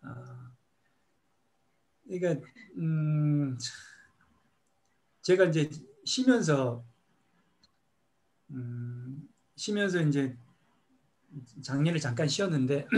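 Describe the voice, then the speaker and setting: A man's voice: fairly high pitch, gravelly. A middle-aged man who teaches meditation, answering a question by reflectively telling a personal story and acting out how he scolds himself.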